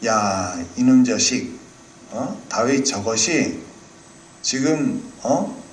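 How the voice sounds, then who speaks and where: A man voicing a scornful older brother who scolds his young sibling in a gruff, mocking way, in an echoey hall. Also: mid-range voice, lively intonation, very slow, slight background noise, voice pushed down.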